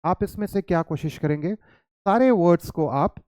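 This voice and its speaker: A man's voice: high-pitched, expressive, normal speed, warm tone, no room sound, clean studio sound. An Indian man teaching an English lesson, mixing Hindi and English and quizzing his students with coaxing questions. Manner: coaxing, questions to students, calls them "child".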